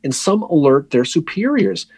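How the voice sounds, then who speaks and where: Lively, husky man telling history. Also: on the high side, normal speed, dry recording. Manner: lively storytelling, wry asides. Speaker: podcast co-host. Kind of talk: casual history podcast chat.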